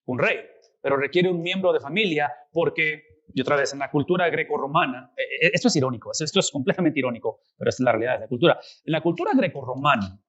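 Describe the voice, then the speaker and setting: A man leads a Bible lesson in a slightly high voice. He talks with animated energy and keeps turning to the class with rhetorical questions. His tone is that of a teacher working through a passage with students. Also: quick pace, muffled recording.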